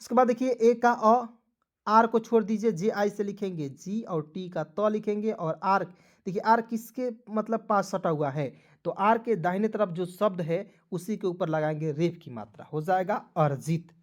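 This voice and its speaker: A man's voice: high-pitched, normal speed. Fields: sex: man. Style: spelling lesson. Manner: spells words letter by letter, often asking "ठीक है ना"; friendly, calls viewers friends. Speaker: English teacher.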